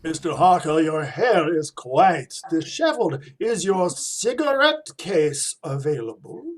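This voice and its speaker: An actor playing a shrewd vampire-hunting professor in a radio play, with a measured, probing, emphatic manner. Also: male voice, fairly high pitch, very animated. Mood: sly, pointed. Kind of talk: theatrical radio play acting.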